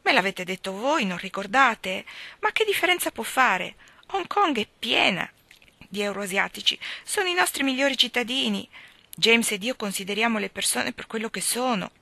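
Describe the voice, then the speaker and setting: A woman's voice: a little high, animated, moderate pace, gravelly, bright, forceful tone, no echo, pitched above the performer's own voice, full character voice. A woman reading as an insistent society hostess. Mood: reproachful. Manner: reproachful, coaxing.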